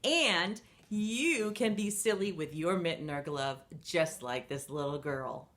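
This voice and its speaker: This is a children's storytime reader, a middle-aged woman sharing a picture book with young listeners in a playful, lilting manner. She speaks slowly in a lowish voice with a fairly bright tone.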